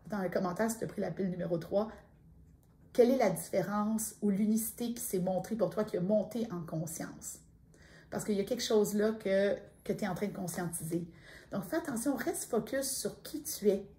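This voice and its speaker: A middle-aged woman with a Quebec French accent giving a gentle, intimate spiritual card reading, speaking straight to the listener. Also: mid-range voice. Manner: soft-spoken, intimate, addresses listener directly. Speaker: tarot card reader.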